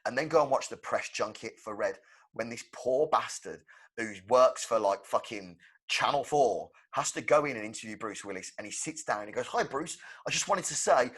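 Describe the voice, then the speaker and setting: A young man co-hosting a movie podcast in casual, animated chat. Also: mid-range voice, normal speed, husky. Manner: animated, acts out quotes. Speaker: podcast co-host.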